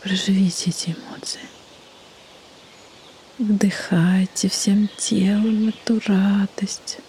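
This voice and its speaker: A woman leading a guided meditation in a soft, breathy half-whisper, with soothing delivery and long pauses. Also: medium pitch, flat delivery. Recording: faint background noise, birdsong ambience. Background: birdsong and nature ambience.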